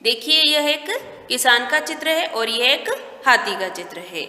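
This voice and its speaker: A woman teaches young children in a high, bright voice. She goes slowly and clearly, one word at a time. The sound rings in a roomy, echoing space. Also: lively intonation. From India. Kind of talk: primary school lesson. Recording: echoey room with long reverb.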